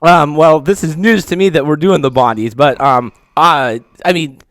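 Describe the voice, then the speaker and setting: A man talks casual sports in a slightly high voice, recorded close and dry. His mouth is burning from spicy food, so he halts, stammers and struggles to get sentences out. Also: fairly bright tone, dry recording. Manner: halting, stammering. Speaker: sports editor, guest.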